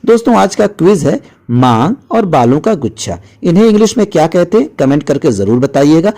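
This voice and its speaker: Man, vocabulary teacher, patient explanations, lively pitch, somewhat high voice. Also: brisk. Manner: patient, explanatory, addresses viewers as friends; repeats each word with its meaning. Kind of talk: explaining vocabulary lesson in Hindi.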